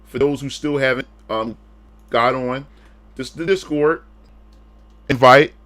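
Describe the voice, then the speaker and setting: Unhurried and a bit bright, a medium-pitched male voice comes through a dry recording. He's streaming live, addressing viewers directly in a laid-back, rambling chat full of restarts and repeated words.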